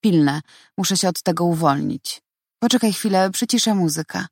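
A man's voice: high voice, normal speed, gravelly, no room sound, studio quality. Woman reading as a cold, detached young man. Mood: hurried. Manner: flat, icy and firm. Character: cold, detached young male fiancé, a lecturer. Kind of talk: audiobook character reading.

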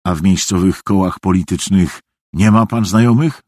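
A man voicing a cruel, pompous middle-aged police official who talks in a gruff, domineering way. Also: sits low, moderate pace, a little mellow, dry recording, studio quality. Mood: stern.

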